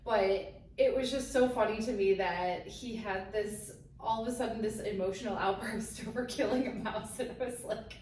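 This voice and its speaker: A woman co-hosting a casual chat show tells a story with animated delivery, acting out quotes and laughing between them. Her voice sits at a middle pitch. The mic is set back in a roomy space, with a faint hiss behind her. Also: normal speed, recorded from a distance. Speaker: podcast co-host.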